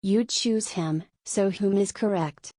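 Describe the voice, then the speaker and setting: A woman giving a scripted explainer on tricky words, clear and lightly playful. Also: mid-range voice, slow, warm tone, no echo, studio quality. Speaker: narrator. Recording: faint background music.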